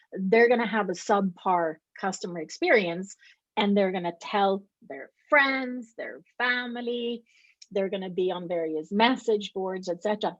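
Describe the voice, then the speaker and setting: A middle-aged Swedish woman, a company co-founder, answers questions in a conversational interview. Her voice is of ordinary female pitch, and she explains her points emphatically, often adding a rhetorical "right?". The recording is dry, a little dull like a lo-fi call, with no room sound.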